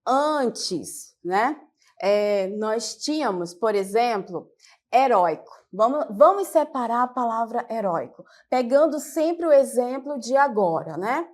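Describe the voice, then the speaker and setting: A Brazilian woman teaching a televised lesson in a slightly high voice. She speaks slowly and patiently, breaking each point into small steps and checking in with her students along the way. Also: animated, a little mellow. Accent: Brazilian Portuguese. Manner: slow and patient, explains step by step with check-ins.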